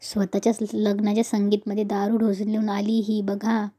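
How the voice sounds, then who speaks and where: A woman's voice: medium pitch, completely flat delivery, brisk, warm tone, slightly rough, close to an everyday voice. A woman voicing a scheming, hot-tempered young sister-in-law who scolds sharply. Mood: angry.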